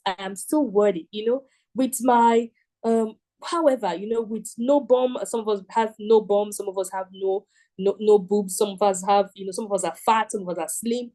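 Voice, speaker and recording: A woman's voice: mid-range voice, dark tone. A woman giving a motivational teaching talk, earnest and emphatic, repeating key phrases and checking in with "right?" and "you know". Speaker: program teacher.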